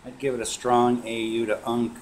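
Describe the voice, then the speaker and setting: A man showing off his coin purchases in a casual vlog, relaxed and rambling, with lots of filler sounds. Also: medium pitch, moderate pace. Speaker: coin collecting vlogger. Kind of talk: casual show-and-tell vlog. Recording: noisy home video recording.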